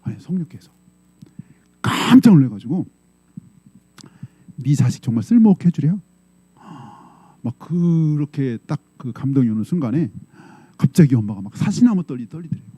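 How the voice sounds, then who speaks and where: A middle-aged male pastor gives a conversational sermon in a church sanctuary. His voice is on the high side, warm with a breathy edge, very animated at normal speed with long pauses, and there's no room sound. He often checks in with his congregation and acts out quoted voices in short, dramatic bursts.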